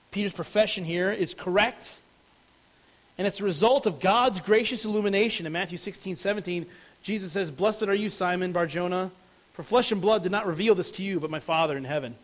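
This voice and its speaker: A man's voice: sits high, poor audio. A man preaching a sermon as a pastor, explaining a passage earnestly and stressing key words.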